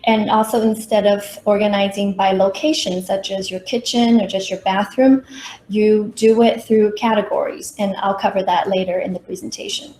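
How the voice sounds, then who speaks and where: Speaking at normal speed, this middle-aged woman from Taiwan has a steady, medium-pitched, darkish voice. She's a professional consultant presenting a prepared workshop that includes personal stories, recorded in an echoey room with faint noise behind her.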